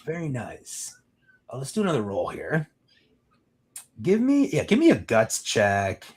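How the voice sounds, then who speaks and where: A man running a tabletop game, describing the scene in a loose, rambling way full of fillers. His voice moves around a lot in pitch as he narrates. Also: wildly swooping pitch, a little slow, breathy edge. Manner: rambling, casual, many fillers. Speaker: game master.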